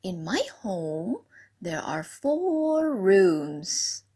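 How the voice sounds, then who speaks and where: A woman's voice: on the low side, very animated, drawn-out words, warm tone, slightly rough. A woman teacher telling a story to young children, asking the class questions, repeating key words and praising their answers. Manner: praising, encouraging.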